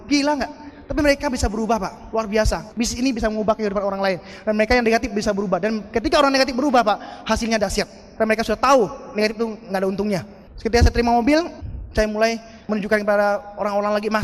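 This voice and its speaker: Motivational speaker, man, very high voice, long hall echo, animated and audience-directed. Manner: animated, addresses the audience as "Pak" and asks "betul nggak?". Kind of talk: motivational seminar talk.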